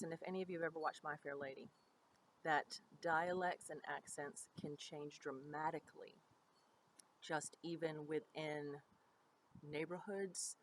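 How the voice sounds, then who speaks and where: A woman's voice: sits low, a little hiss or hum, poor audio. A middle-aged woman teaching a drama lesson in a chatty, explanatory way, with frequent ums and asides. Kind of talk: recorded online lesson.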